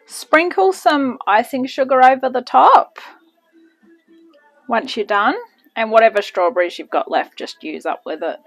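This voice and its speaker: A woman's voice: on the high side, measured pace, soft background music, poor audio. Woman, casual cooking demo, rambling asides, home kitchen, phone camera on the counter. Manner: chatty, self-deprecating, rambling asides. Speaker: home cooking channel host.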